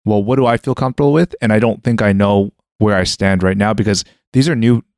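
Chatting casually, this young man from Canada muses out loud at a brisk pace in a fairly low voice. Hesitant, he restarts often and reaches for "like" as he works toward his point, with a dry, close-miked sound.

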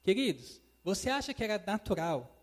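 An evangelist preacher with a high, sing-song voice delivers a brisk sermon, calling his listeners "dear ones" ("queridos") and voicing God's words as quotations. The recording carries a long hall reverb.

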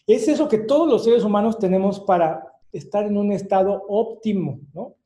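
High-pitched Mexican man lecturing. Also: moderate pace, warm tone. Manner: explanatory, with many fillers and rhetorical tags. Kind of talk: online lecture.

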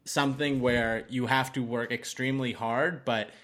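A man with an average-pitched voice interviews someone in a casual, conversational style. He sounds upbeat and encouraging. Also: steady tone, normal speed, a bit bright. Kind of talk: casual chat.

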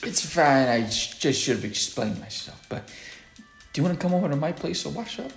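A man's voice: fairly high pitch, very animated, fairly quick, creaky, roomy sound, soft background music. A man voicing a sick, panicky young man in a clumsy attempted New York accent during an improvised table read. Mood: sheepish.

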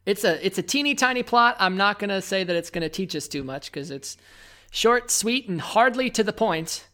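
A woman hosting a casual podcast, chatty and playful with quick asides. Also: medium pitch, animated, sharp tone. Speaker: podcast host. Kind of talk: casual chat.

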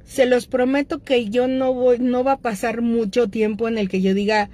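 A woman's voice: a little high, level tone, normal speed, dark tone. A middle-aged woman with a Mexican accent, hosting and speaking casually and directly to her audience about addictions, with frequent fillers. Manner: conversational, addresses listeners directly, frequent fillers.

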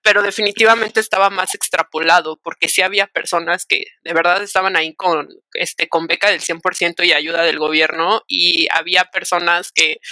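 A woman's voice: fairly low pitch, bright, forceful tone, no room sound. A young woman with a Mexican accent telling a personal story in casual, slangy chat, sprinkling in English words.

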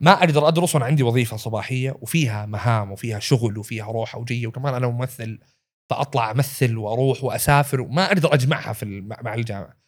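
A man, a podcast guest who tells animated stories, acts out quotes and laughs often. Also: mid-range voice, rapid-fire. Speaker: podcast guest, actor and writer. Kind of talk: casual storytelling chat.

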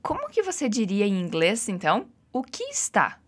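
Brazilian-accented woman English teacher; patient, encouraging, animated pitch. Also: moderate pace. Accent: Brazilian Portuguese. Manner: patient, encouraging, drills repeats. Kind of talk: guided language lesson.

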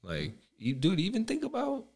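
A man's voice: sits high, huge pitch swings, moderate pace, gravelly, darkish tone, husky. A young man from Albania in casual chat, rambling with lots of fillers and swearing.

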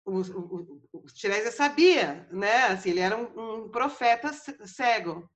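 A woman's voice: mid-range voice, lively intonation, a little slow. A woman podcast host casually retelling a story, chatty with frequent fillers. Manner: chatty, many fillers like né and tal.

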